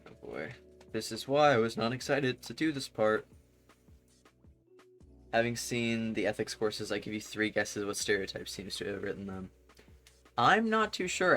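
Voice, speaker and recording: A man's voice: on the low side, pushed and bright. A young adult man streaming live, chatting casually with his audience in a rambling way and laughing often.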